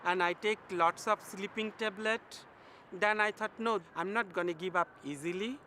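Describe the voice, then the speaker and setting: A woman's voice: medium pitch, moderate pace, bright, forceful tone, a little hiss or hum. A woman from Bangladesh, speaking simple broken English in a documentary interview, earnest and direct. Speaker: volunteer.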